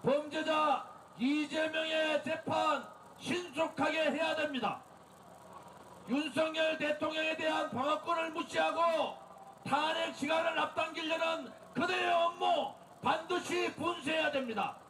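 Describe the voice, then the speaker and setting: A man delivering an impassioned, declamatory political rally speech as the leader, exhorting listeners and shouting slogans. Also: very high-pitched, fairly even intonation, unhurried. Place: outdoor street rally in front of a building. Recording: outdoor PA, echoing, distant, noisy crowd.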